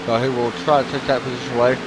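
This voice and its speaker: A man's voice: medium pitch, little pitch movement, racing. Laid-back man calling a sim race. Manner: laid-back, joking, talks while chewing. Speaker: race commentator and stream host. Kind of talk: casual sim-racing commentary. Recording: clear background noise.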